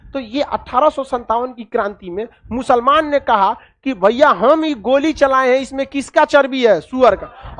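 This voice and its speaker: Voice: medium pitch, lo-fi sound. Chatty teacher. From Uttar Pradesh or Bihar. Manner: chatty, fires rhetorical questions at the class, joking asides. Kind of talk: classroom history lecture.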